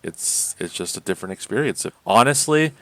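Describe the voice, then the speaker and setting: A man co-hosting a podcast, chatting casually about games in a rambling way, full of fillers and quick laughs. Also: lowish voice, expressive, fairly bright tone, dry recording. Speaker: podcast co-host. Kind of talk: casual gaming chat.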